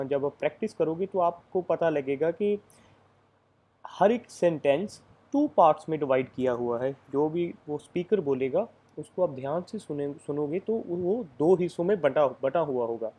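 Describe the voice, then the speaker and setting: Man, exam coaching teacher, casual lecture, warm tone, step-by-step with fillers. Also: on the high side. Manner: explains step by step, many fillers.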